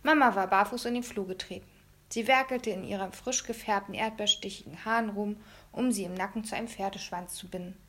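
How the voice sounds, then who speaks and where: A woman reading a first-person children's story aloud in a lively storytelling manner. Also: mid-range voice, fairly quick. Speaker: audiobook reader.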